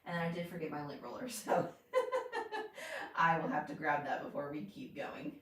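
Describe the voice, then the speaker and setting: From her craft room at home, this young streamer keeps things casual, muses aloud, laughs frequently, and reads viewer comments at high volume. Her voice sits low and moves at a moderate pace, picked up in an echoey room by a tablet mic placed across the space.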